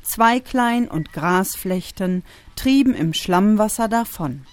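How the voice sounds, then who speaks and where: Woman reading a kids story, slow and expressive, dry close sound. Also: mid-range voice, no room sound. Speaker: narrator.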